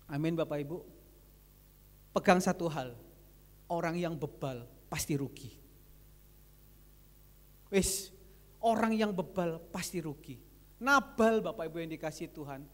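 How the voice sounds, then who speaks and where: Preaching man in a reverberant church hall. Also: very high voice. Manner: lively preaching that switches between retold dialogue and addressing the congregation. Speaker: pastor. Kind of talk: sermon.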